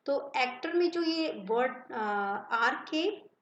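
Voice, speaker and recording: A woman's voice: sits high, takes it slowly, roomy sound, highs cut off. A woman with an Indian accent teaching an English grammar lesson, reading word pairs aloud and checking that students follow. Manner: reads word pairs aloud, checks understanding with short asides. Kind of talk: classroom lesson explaining word lists.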